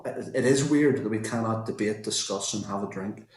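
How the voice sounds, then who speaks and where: Man, Northern Irish accent, podcast host, lower voice, chatty and musing, echoey room. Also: moderate pace, darkish tone. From Northern Ireland. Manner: chatty, musing, repeats himself. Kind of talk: casual podcast conversation.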